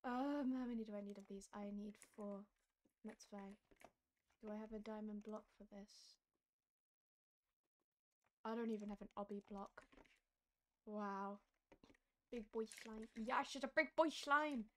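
A hoarse woman who is losing her voice, chatting casually and thinking aloud while live-streaming a game. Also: mid-range voice, fairly even intonation, measured pace, long pauses, a bit bright, slight background noise. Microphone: streaming mic.

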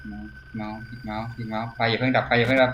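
A man doing casual, crude horror game commentary who yelps and shouts when startled. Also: mid-range voice, level tone, rapid-fire, muffled recording, slight background noise. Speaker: gamer. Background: game music.

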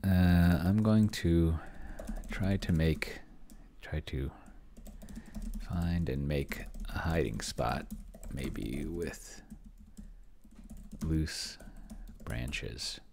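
A middle-aged man mutters to himself while typing at his computer indoors, thinking aloud as he plays a solo roleplaying game live as the show's host. His voice is a rumbling low, creaky and dark, with drawn-out words and frequent pauses. Keyboard typing and clicking can be heard.

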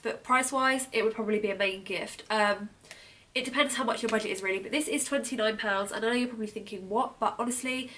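A young British woman with a fairly high voice talks through products in a casual, upbeat way. Her voice is a little hoarse, and she fills gaps with frequent ums. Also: quick pace, fairly bright tone, a little hiss or hum. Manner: chatty, enthusiastic product talk with many ums. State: losing her voice. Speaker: beauty blogger. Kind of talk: casual gift-guide vlog.

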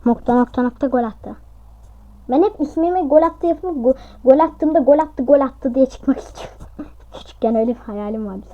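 High-voiced excitable woman gamer. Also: normal speed, lo-fi sound, a little hiss or hum. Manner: excitable, talks to herself, shrieks at close calls. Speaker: gaming YouTuber. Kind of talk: casual gameplay commentary.

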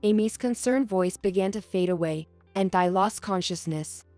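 A young adult woman reading a first-person story aloud as narrator, in a soft, earnest storytelling manner. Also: medium pitch, moderate pace, no echo, faint music behind.

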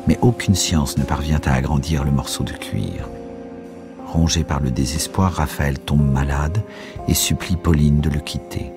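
A man giving a measured, expressive literary reading for a radio broadcast. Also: rumbling low, music in the background. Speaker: reader.

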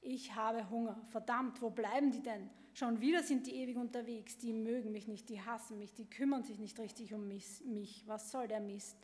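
A woman's voice: on the high side, steady tone, normal speed, hardly any pauses, darkish tone, natural voice. A woman voicing a hungry, demanding, sulky female baby bird, complaining over and over, at a public literary reading. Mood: demanding, whiny. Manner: whiny, repeated complaining. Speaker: author reading her own text. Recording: long hall reverb.

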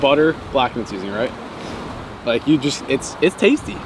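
Young male guest, jokey and excitable, voice swings up and down a lot, outdoor night noise behind. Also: medium pitch, fairly quick. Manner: excitable, jokey, lively reactions. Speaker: fishing buddy and guest. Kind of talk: casual outdoor cooking chat. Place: outdoors at night on an island campsite. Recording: outdoor recording with clear background noise.

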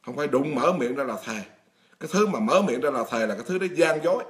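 A man's voice: mid-range voice, lively intonation, fast talker. A middle-aged man, a monk giving a blunt, emphatic sermon straight to his congregation. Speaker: Buddhist monk preaching. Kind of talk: dharma talk sermon.

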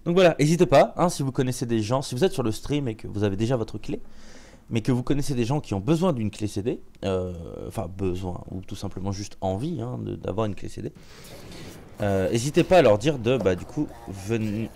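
A man streams his own match and chats over it in a loose, joking way, stumbling and restarting often. His throat is a little sore and he clears it from time to time. Faint noise sits under the voice. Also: fairly low pitch, fairly quick, dark tone. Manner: joking, chatty, many restarts and fillers. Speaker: game streamer. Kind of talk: casual live gameplay commentary.

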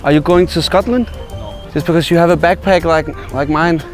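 A man's voice: fairly high pitch, fairly even intonation, brisk, soft background music. Playful Danish-accented young man. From Denmark. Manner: playful, awkward, stammers on restarts. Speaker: vlogger. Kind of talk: street vlog, chatting up strangers. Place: city streets and parks outdoors, and a pub.

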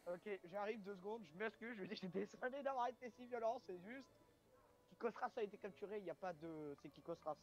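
A man's voice: sits high, a little fast, a little mellow. A man playing a tabletop game, crude and hot-headed, swearing often. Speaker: player.

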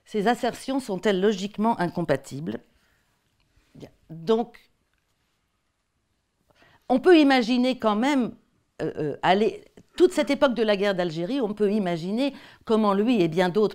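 Woman, French accent, academic lecture, hesitant, repeats words, mid pitch. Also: expressive, a little slow, a little mellow. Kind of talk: academic talk presenting textbook excerpts.

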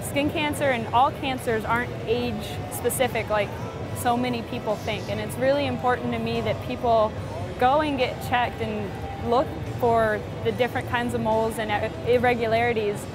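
A woman's voice: on the high side, fairly even intonation, normal speed, music in the background. A woman and skin cancer survivor speaking earnestly and sincerely in an interview. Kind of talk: interview testimony.

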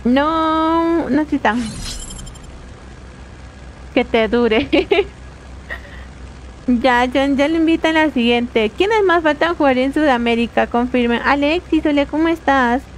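A woman's voice: high voice, slow, pauses often, a little hiss or hum. A woman streaming a game, chatting casually with her viewers and reading their messages aloud with frequent laughs. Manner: chatty, reads chat aloud, laughs often. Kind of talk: casual live-stream chat.

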